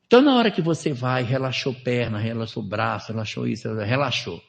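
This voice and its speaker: Man, spiritual seminar lecturer, conversational, numbered steps, asks rhetorical questions, mid-pitched voice. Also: animated, brisk, vocal fry. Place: lecture hall at a spiritist center.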